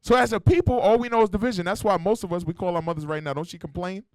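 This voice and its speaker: A man's voice: high voice, fairly even intonation, rapid-fire. A male preacher delivering a blunt, slangy sermon, swearing and throwing rhetorical questions at his congregation. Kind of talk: street-style sermon. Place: church meeting hall.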